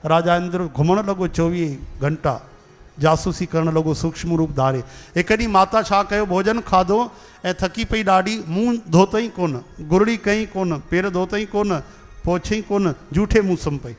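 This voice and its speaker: A man's voice: high-pitched, normal speed, in a large hall, soft background music. A man with a Sindhi accent giving a devotional sermon, telling stories and leading call-and-response chants. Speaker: kathavachak, religious storyteller.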